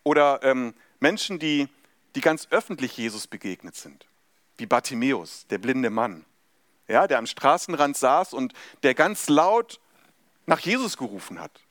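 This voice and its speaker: A man's voice: medium pitch, big pitch swings, unhurried, a bit bright, no room sound, studio quality. A man preaching a sermon in a conversational way, reading a Bible passage and speaking directly to the congregation. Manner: conversational, addresses congregation directly, some fillers.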